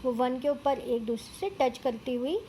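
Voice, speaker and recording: A woman with a high-pitched voice and dark tone speaks at a moderate pace, teaching children Hindi vowel signs in a slow, careful lesson. She patiently sounds out syllables and explains words, mixing in English terms, over slight background noise.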